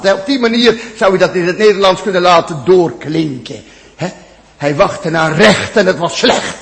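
A man preaching a sermon to his congregation, repeating phrases with emphasis, swinging from loud peaks to near-whispered drops. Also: on the high side, in a large hall. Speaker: pastor.

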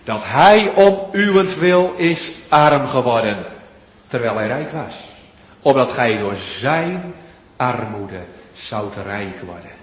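A man preaching a sermon, swinging between loud, pleading appeals and hushed, almost whispered lines. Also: medium pitch, expressive, slow pace. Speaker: pastor. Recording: echoey church hall, long reverb.

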